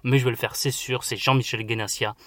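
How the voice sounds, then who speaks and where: A man hosting a casual book podcast, chatty and enthusiastic, often filling pauses with "voilà". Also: medium pitch, fairly even intonation, fairly bright tone, no room sound. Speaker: podcast host.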